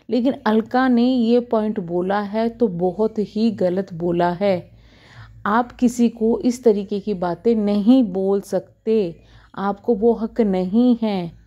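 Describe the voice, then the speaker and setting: A woman's voice: a little high, mellow, dull audio. A woman in her thirties talking to camera as a vlogger, earnestly scolding and giving advice. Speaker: YouTube reaction vlogger.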